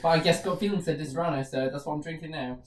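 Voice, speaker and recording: A man's voice: fairly high pitch, rapid-fire. A man co-hosting a casual podcast, joking, laughing often and swearing now and then. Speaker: podcast co-host. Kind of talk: casual chat. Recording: roomy, distant mic with faint noise.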